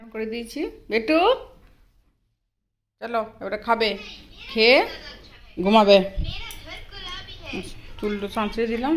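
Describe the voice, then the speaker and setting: A young mother, coaxing her toddler in a sing-song way and calmly explaining a recipe at home. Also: medium pitch, slight background noise. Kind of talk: casual home vlog with cooking narration.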